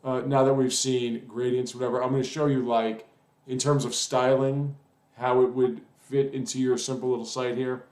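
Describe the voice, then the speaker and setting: A man's voice: mid-range voice, level tone, moderate pace, a little mellow. A man giving a casual coding tutorial, rambling and thinking aloud with plenty of fillers. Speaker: web development tutor. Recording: roomy echo.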